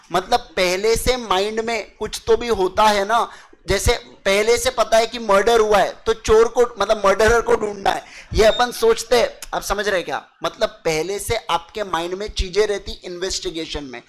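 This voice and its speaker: A man's voice: high-pitched, a bit bright, rough recording. A young man giving a chatty lecture to students. He mixes in English terms and keeps checking that they understand. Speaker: teacher. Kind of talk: casual classroom lecture.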